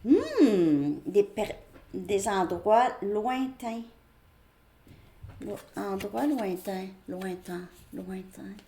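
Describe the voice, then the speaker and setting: A woman's voice: medium pitch, big pitch swings, extremely slow, pauses often, dark tone. A woman giving a casual tarot reading to camera, chatty and repeating herself as she thinks aloud while drawing cards. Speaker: tarot reader.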